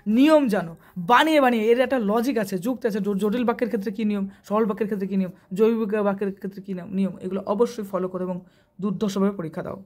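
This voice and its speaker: A man runs an exam revision lesson as an online tutor. He talks at a quick pace, listing page numbers and questions in a brisk, instructive way. He keeps coaxing the students directly. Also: high voice.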